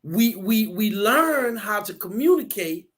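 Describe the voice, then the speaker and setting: A man's voice: high voice, animated, measured pace, a bit bright. A man talking earnestly and explaining his ideas, often restarting and repeating words. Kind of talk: casual discussion.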